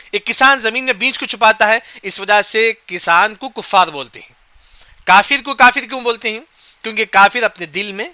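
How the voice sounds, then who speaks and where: A man with a high, sharp, bright voice gives a Quran commentary lesson. He chants Arabic verses, then explains them slowly and repeats the key points. The sound is close and dry. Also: no echo. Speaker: Quran teacher.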